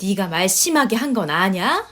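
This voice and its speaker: A woman's voice: mid-range voice, sing-song, normal speed, fairly bright tone, pitched below the performer's own voice. A woman voicing a nagging older mother-in-law who scolds, sighs and complains in a story reading. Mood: grumbling. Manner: scolding, sighing, huffy complaints. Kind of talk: storytelling voice acting.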